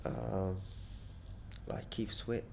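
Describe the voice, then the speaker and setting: A man's voice: extremely slow, darkish tone. A man with a broad New Zealand accent chatting casually as an interview guest, in laid-back blokey slang with repeated phrases. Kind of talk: casual chat.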